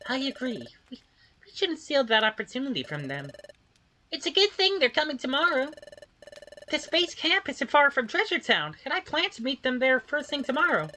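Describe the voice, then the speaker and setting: A woman reads a game's dialogue aloud. Her voice sits a touch high and sounds bright. Her delivery is animated and swings widely in pitch. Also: normal speed, a little hiss or hum. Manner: expressive, animated line reading. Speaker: game player voicing dialogue. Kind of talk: reading game dialogue aloud.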